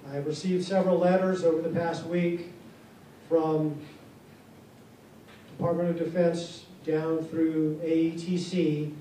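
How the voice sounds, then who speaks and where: A man's voice: a little high, mellow. Man answering at a town hall, echoey. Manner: measured, formal, plainspoken. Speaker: base commander at town hall. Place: large carpeted hall with seated audience. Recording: echoey hall from far off, faint noise.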